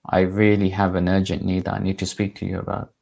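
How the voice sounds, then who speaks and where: A preacher voicing the angel of death in human form, calm and insistent, in his own voice. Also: low voice, fast, vocal fry. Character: angel of death disguised as a plain man.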